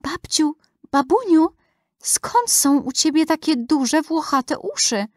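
A woman's voice: sits high, very animated, takes it slowly, no room sound, studio quality, pitched above the performer's own voice, heavily acted. A woman voicing a cheerful little girl in a rhyming storybook, with a chirpy, sing-song delivery. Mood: timid.

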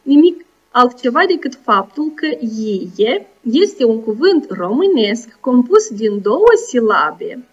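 A woman teacher giving a recorded school lesson, pronouncing sounds and syllables slowly and carefully. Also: fairly high pitch, sing-song, distant mic. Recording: dull lo-fi sound, voice set back, soft music. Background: soft background music.

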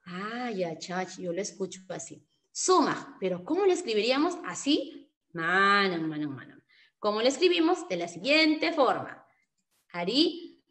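A woman teaching an online language class, saying example words loudly and slowly, then explaining more quietly and asking rhetorical questions. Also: mid-range voice. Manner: asks rhetorical questions and peppers speech with Quechua fillers.

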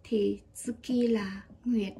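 A woman teaching a casual Japanese kanji lesson, chatty and relaxed with small laughs. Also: mid-range voice, slow pace, slight background noise.

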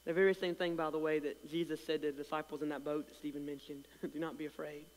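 A male pastor preaching a sermon with a slight lisp, swinging from loud passionate swells to quiet, soft asides and repeating words as he builds. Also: a little high, level tone, quick pace, long reverb tail. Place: church sanctuary.

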